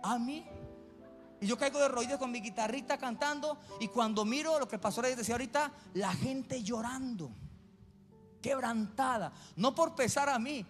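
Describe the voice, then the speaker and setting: A man's voice: very high-pitched, normal speed. A male pastor preaching a sermon in a church, telling stories dramatically. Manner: dramatic storytelling. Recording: church hall reverb, soft music.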